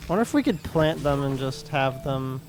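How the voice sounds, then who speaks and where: A man's voice: expressive, moderate pace, over music. A man chatting casually while streaming a game, rambling and restarting his sentences. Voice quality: higher voice. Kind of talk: casual gameplay chat.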